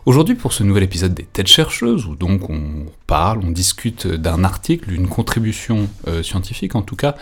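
A man hosts a research podcast in a very deep voice. He questions his guests with a loose, halting delivery full of fillers and restarts. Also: very animated, fairly bright tone, slightly rough. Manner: hesitant, with many fillers and restarts. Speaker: podcast host. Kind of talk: conversational interview.

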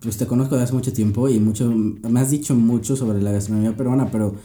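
A young man co-hosts a casual podcast in a very dark, mellow voice at a middle pitch. He talks loosely, with plenty of fillers, and often cuts in with jokes. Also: fairly even intonation, fast talker. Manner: joking, interrupting, full of fillers. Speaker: podcast co-host. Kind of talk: casual chat.

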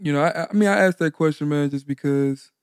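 A man's voice: fairly high pitch, fairly quick, clean tone, no room sound, clean studio sound. A man co-hosting a podcast, speaking casually and hesitantly, often restarting with "I mean". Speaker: podcast co-host.

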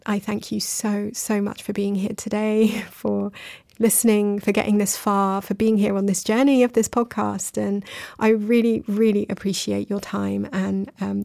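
Creaky-voiced woman hosting a reflective podcast. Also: medium pitch, warm tone, dry recording, studio quality. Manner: reflective, earnest, affectionate toward listeners. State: emotional, recently crying. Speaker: podcast host and creative coach. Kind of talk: casual solo podcast monologue.

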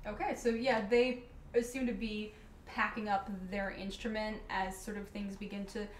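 A woman narrating casually as game master of a tabletop game, in an echoey room. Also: medium pitch. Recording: echoey room, faint noise.

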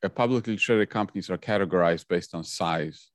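Polish-accented man with a very deep voice. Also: fairly quick, no echo, studio quality. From Poland. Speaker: guest investor. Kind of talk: podcast interview.

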